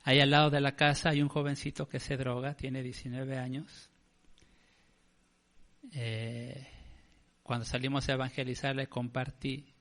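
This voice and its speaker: A man's voice: medium pitch, flat delivery, unhurried, long pauses, fairly bright tone. A male pastor with a Mexican accent tells a story in a sermon, in a conversational way, and often calls his listeners "brother".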